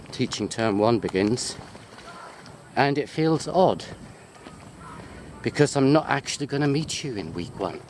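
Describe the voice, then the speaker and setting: Strolling outdoors through botanical gardens, a UK university lecturer records a casual, unscripted video chat on a handheld wide-angle sports camera. His medium-pitched voice is a little mellow, and he jokes, rambles and drifts off topic easily. Ambient outdoor sound from walking is present.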